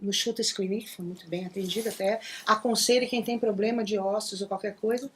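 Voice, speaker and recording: A middle-aged woman from Rio de Janeiro with a Carioca accent, talking fast and chatty as an interview guest. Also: mid-range voice, steady tone, a little hiss or hum. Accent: Carioca Brazilian Portuguese. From Brazil (Rio de Janeiro). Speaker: guest, singer and percussionist. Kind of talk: casual interview chat.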